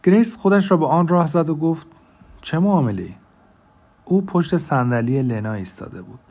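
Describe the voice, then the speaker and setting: A man's voice: mid-range voice, darkish tone. A man reading a novel aloud as an audiobook narrator, voicing the characters' lines in everyday spoken style. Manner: reads quoted speech of several characters in a conversational colloquial register. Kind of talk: scripted narration.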